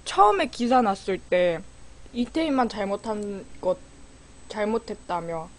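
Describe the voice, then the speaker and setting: A woman's voice: medium pitch, sing-song, unhurried. Woman talking through a bite. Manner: chatty, reads and answers viewer chat. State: talking while taking a bite. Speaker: mukbang streamer. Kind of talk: casual chat while eating on stream.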